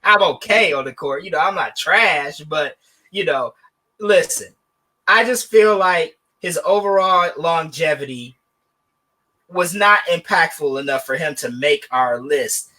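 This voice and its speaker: A man co-hosting a podcast, animated and joking, with sarcastic asides in casual sports debate. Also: fairly high pitch, unhurried. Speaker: podcast co-host.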